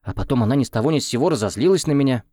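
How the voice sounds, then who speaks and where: A man's voice: medium pitch, animated, rapid-fire, dark tone, no room sound, pitched above the performer's own voice, close to an everyday voice. A man reading an audiobook, voicing a defensive, embarrassed young man. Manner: defensive, flustered.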